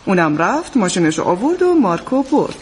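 A woman dubbing a composed older woman who runs a strange retreat, speaking in a formal, calm, measured way. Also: medium pitch, slight background noise, natural voice. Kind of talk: dubbed film acting.

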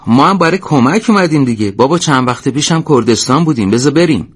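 A man's voice: medium pitch, animated, husky, voice pushed up. A man voicing an earnest young male volunteer who pleads in a raised voice. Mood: pleading.

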